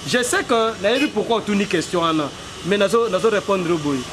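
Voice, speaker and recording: A man's voice: high-pitched, animated, a little fast. A man in his forties, giving an earnest street interview and building to emphatic, rhetorical declarations. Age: 40s. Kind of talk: street interview, mixing French and Lingala. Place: outdoors on a city street. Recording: noisy street with passing traffic.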